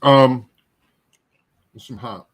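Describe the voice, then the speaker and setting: A middle-aged man hosting a casual chat while he tastes hot sauce. He rambles in a halting, self-deprecating way, and his nose is running. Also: medium pitch, steady tone, heavy background noise. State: runny nose. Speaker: show host.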